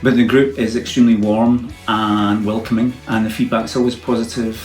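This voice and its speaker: Calm man in his forties, echoey room. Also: on the low side, normal speed, soft background music. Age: 40s. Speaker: guitarist, student. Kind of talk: personal testimonial.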